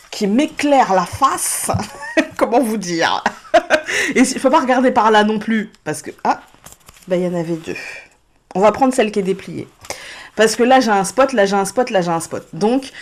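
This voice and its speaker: A woman chatting frankly to camera as a card-reading vlogger, with plenty of fillers and frequent laughs, filmed indoors under spotlights. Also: medium pitch. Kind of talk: casual chat to camera. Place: indoor set lit by several spotlights.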